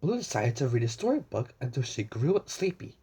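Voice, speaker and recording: Someone reads a picture book aloud to young children with exaggerated wonder, sometimes stumbling and repeating words, and asks the young viewers questions. The voice is mid-range, mellow and husky, fairly quick, with big pitch swings.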